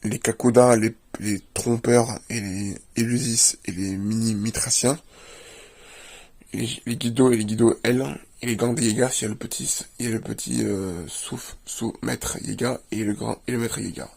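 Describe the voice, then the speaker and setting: Low gravelly man, casual show-and-tell. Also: fairly even intonation, normal speed, a little mellow. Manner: plainly lists items while leafing through a book. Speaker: video creator.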